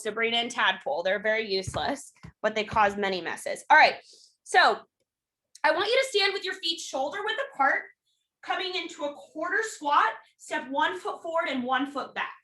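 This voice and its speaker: A woman runs a self-defense class over a video call from her home, her voice pitched a little high with a sharp, bright edge. She talks frankly and encouragingly, dotted with "um", then snaps out movement cues with lots of energy. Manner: frank, encouraging, many "um" fillers; calls out drill cues with rising energy. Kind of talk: live online workshop instruction.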